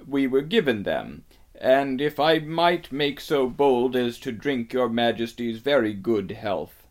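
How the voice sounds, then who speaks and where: A timid elderly male fox played by a man reading aloud from a storybook. He is deferential and halting, stammering his careful courtesies. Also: medium pitch, expressive. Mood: nervous, humble. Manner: stammering, halting, humbly polite. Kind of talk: storybook character voice.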